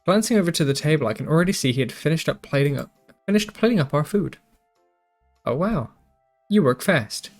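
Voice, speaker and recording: A man's voice: fairly high pitch, animated, brisk, soft background music. A man reading a visual novel aloud, with joking asides, swearing and stumbles over words. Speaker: gaming YouTuber.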